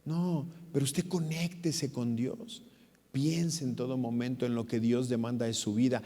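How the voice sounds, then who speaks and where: A man's voice: mid-range voice, steady tone, measured pace, warm tone. A male preacher delivers a dramatic sermon in a church, raising his voice to act out a blind man's cries. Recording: long hall reverb.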